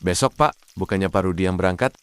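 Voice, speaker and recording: A man voicing a sweet, affectionate young husband and new father in an animated drama. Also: sits low, fast, clean tone, no room sound.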